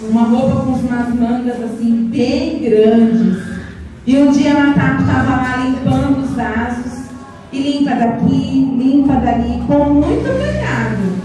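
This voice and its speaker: A woman telling a story to children at a church, animated, stretching words and asking the children questions. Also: high voice, background noise. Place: church hall. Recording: echoey church hall, distant mic.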